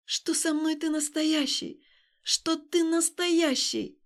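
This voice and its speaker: A woman's voice: high-pitched, steady tone, takes it slowly, pitched above the performer's own voice. A woman reading an audiobook, voicing a betrayed young woman with pleading, tearful outbursts. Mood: hurt, pleading.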